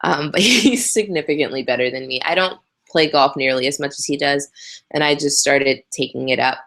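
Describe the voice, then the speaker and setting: On a live video hangout via webcam, a young woman from Canada answers her viewers' questions with candid chatter, quick laughs and many ums. She speaks at a normal speed in a deep, fairly bright voice.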